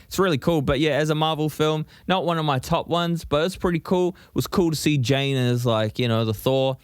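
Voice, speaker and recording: A man's voice: a little high, a little fast, smooth, no room sound, studio quality. A man co-hosting a podcast, chatting casually and animatedly, swearing freely. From New Zealand. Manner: animated, swearing, frequent "you know what I mean". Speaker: podcast co-host. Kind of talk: casual chat.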